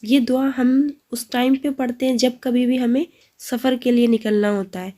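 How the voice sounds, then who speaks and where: Patient woman teaching duas, slow recitation. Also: on the high side, fairly even intonation, mellow. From India. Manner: mixes English into Urdu, reads Arabic slowly and deliberately. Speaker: Islamic teacher for children. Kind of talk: slow, patient dua lesson, recites and translates.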